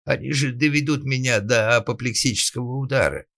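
A man voicing a furious old father in an audiobook, shouting and lamenting in drawn-out cries. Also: mid-range voice, no room sound, clean studio sound, voice pushed up, natural voice. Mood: raging. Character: furious old male father, bellowing, tyrannical. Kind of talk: audiobook narration.

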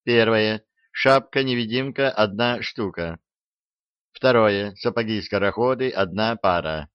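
A man's voice: lowish voice, unhurried, clear, resonant tone, no echo, lightly acted. A man voicing a polite, businesslike male clerk of a magical agency, on a dull lo-fi recording.

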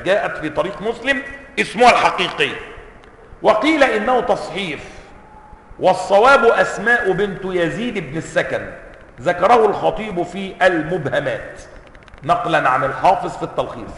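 A man's voice: a little high, fairly bright tone. A man teaching a hadith commentary in Egyptian Arabic, reading out quotations with emphasis and asking his students questions to check they follow. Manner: reads quotations in a raised, emphatic voice. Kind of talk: classroom lecture reading and explaining a text. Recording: roomy hall reverb.

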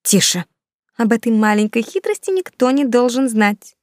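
A woman's voice: animated, normal speed, darkish tone, no room sound, studio quality, natural voice. A woman reading the part of a scheming, fawning noble baroness who talks in a raised, indignant voice. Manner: indignant, high and agitated.

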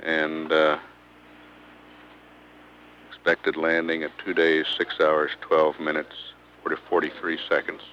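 A man giving mission status commentary, halting and pausing often between figures. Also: very deep voice, completely flat delivery. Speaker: public affairs mission commentator. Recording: dull lo-fi archival feed, faint noise.

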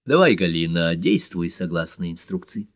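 A man voicing a calm, level-headed male officer who speaks evenly and quietly in an audiobook. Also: deep voice, moderate pace, no room sound, highs cut off, lightly acted.

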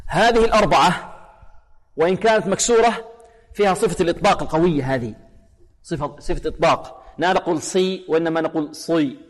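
A man teaching Quran recitation on a radio program. He explains the rules and then recites example phrases slowly, drawing out the syllables. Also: fairly high pitch, long reverb tail. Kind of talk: tajweed lesson on an online radio program.

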